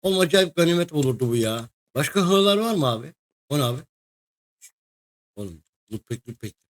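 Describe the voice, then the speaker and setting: Excitable gamer guy. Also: a little high, a little fast. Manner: excitable, chatty, talks to game creatures and a co-player. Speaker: gaming video host. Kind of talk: casual let's-play commentary.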